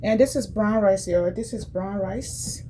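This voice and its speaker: A woman's voice: mid-range voice, a little slow, warm tone, a little hiss or hum, poor audio. A woman from Liberia, casually demonstrating cooking in a home kitchen and chatting directly to her viewers, often repeating herself. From Liberia, West Africa. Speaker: cooking vlogger.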